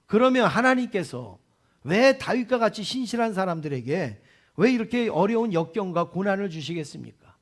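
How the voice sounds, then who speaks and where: A male pastor delivers a sermon with a notably high voice for a man. He preaches with emphasis, pressing rhetorical questions on his listeners. He is speaking in a church. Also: fairly bright tone. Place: church sanctuary.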